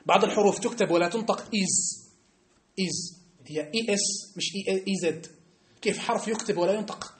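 A man with a North African Arabic accent teaching a religious class. He is emphatic and keeps asking his listeners whether they have understood. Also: high voice. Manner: emphatic, keeps checking understanding with rhetorical questions. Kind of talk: classroom lesson. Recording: echoey room.

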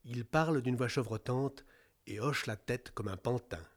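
An actor narrating the scripted stage directions of a theatrical farce. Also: male voice, medium pitch, normal speed, close to an everyday voice. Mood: descriptive. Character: plain storytelling narrator.

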